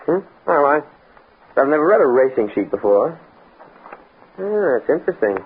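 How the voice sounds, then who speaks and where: An actor playing an earnest, stuffy young academic in an American radio drama, speaking precisely and pedantically with an American accent. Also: male voice, on the high side, sing-song, normal speed, husky, phone-quality sound. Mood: fascinated. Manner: precise, bookish, stammers when flustered. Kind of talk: mid-century American radio drama acting. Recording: scratchy, band-limited old radio recording with noise.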